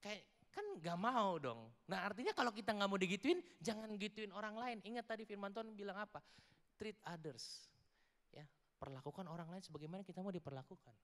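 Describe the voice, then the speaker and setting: A man preaches to a youth crowd in a casual, playful way, tossing questions at the listeners and slipping in English words. His voice sits a little high, and a long hall reverb trails after every phrase. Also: fairly quick, fairly bright tone. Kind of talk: casual youth sermon with audience interaction. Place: large church hall before a youth audience.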